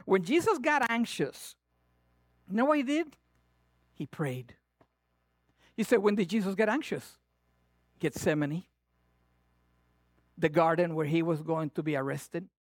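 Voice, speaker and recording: This male preacher has a Latin American Spanish accent and a voice that sits high for a man, captured close and dry with no echo. His lively sermon is unhurried and full of pauses. He is playful and animated, swinging from loud, punchy emphasis to hushed asides.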